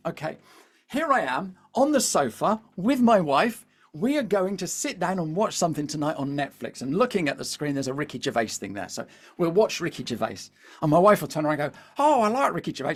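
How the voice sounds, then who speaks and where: A British man leading a live webinar as a coach, chatty and animated, constantly asking the audience to reply in the chat. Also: high-pitched, husky. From Britain. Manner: peppers speech with "all right?" and "here's the thing". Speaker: LinkedIn coach.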